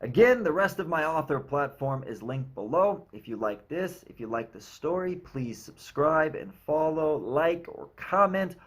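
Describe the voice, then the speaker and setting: A man reading his own novel aloud in a steady, measured narration, in short clipped sentences. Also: a little high. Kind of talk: audiobook-style narration.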